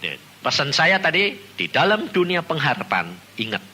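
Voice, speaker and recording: A man's voice: a little high, normal speed, slight background noise. A man with a Javanese accent preaching a sermon as pastor, telling stories with acted voices and asking the congregation questions. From Indonesia. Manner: animated storytelling, acts out voices, rhetorical questions to the congregation. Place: church.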